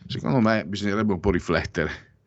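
Reading out daily anniversaries on a radio show or podcast, this man speaks fairly quickly in a low register and shares opinions in casual commentary. His talk wanders, packed with restarts, self-corrections and wry asides; the audio is muffled but echo-free.

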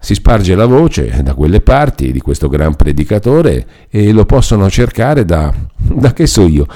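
A man's voice: sits low, very animated, unhurried, mellow. A man voicing a chatty self-important old friar. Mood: garrulous. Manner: garrulous, explaining, reassuring.

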